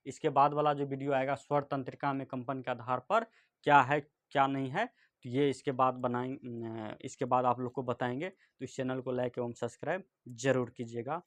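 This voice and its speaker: A man teaching a grammar lesson at a board, speaking slowly and repeating each point and checking in with the class often. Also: mid-range voice, fairly even intonation, no room sound.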